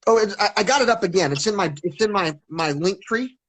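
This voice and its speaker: Brisk and a bit bright, his high-pitched voice carries a lively intonation. He's a casual interview guest on a video call who stutters, often restarting his sentences and repeating words.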